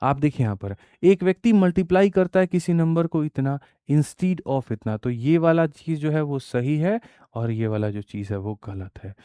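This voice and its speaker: A male maths teacher giving an exam-prep lesson. He has a mellow, smooth and resonant voice, recorded dry and close. He fires rhetorical questions at the class, answers them himself, and keeps addressing students as brothers. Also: fairly high pitch, animated, no room sound. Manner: reads English problem text slowly word by word.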